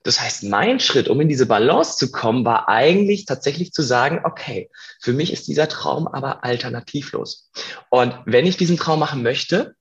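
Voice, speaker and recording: Man, podcast guest, thoughtful, step-by-step explaining, mid pitch, somewhat dull audio. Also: expressive, normal speed. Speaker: coach and musical performer, guest. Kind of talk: podcast conversation.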